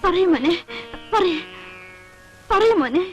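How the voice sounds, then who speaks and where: A woman's voice: very high-pitched, animated, slow pace, exaggerated voice. A woman playing a mother in an old film, coaxing her little son to answer. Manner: coaxing, tender pleading. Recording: old film soundtrack with music behind.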